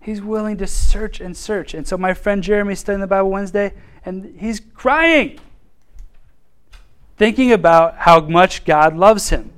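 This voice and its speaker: A man teaching a Bible class in an informal, animated way, acting out quotes and laughing often. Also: high-pitched, unhurried, clean tone.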